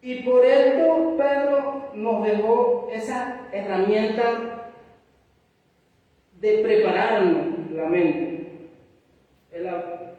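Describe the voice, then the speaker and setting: A man's voice: high voice, very slow, long pauses. A Venezuelan man preaching a sermon earnestly, dropping frequent amens and acting out little dialogues. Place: church hall. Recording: distant, dull, echoey church hall sound.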